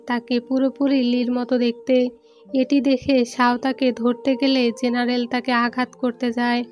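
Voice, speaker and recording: A woman narrating a film recap in a steady, even storytelling read, with soft music underneath. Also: on the high side. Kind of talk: scripted movie recap narration.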